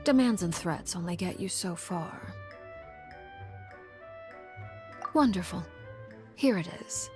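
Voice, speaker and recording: A woman plays a commanding, calculating female leader in an anime game. Her voice sits low and composed, with formal, condescending phrasing and quiet menace. Music plays faintly behind her. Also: animated, normal speed, natural voice. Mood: measured, authoritative.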